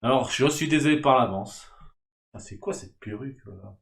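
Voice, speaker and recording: A man's voice: mid-range voice, moderate pace, creaky, reverberant. A young man casually commenting on a game he is playing, rambling and swearing with self-mocking asides, into a desk mic at home. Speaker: gaming YouTuber. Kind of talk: casual let's-play commentary. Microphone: desk mic without headset.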